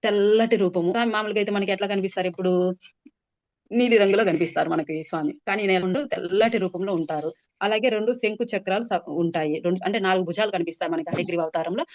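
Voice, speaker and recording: A woman telling a devotional story in an unhurried, chatty way, explaining as she goes with many filler sounds. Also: medium pitch, a little mellow, dry recording. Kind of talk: conversational religious storytelling. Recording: dull, dry sound.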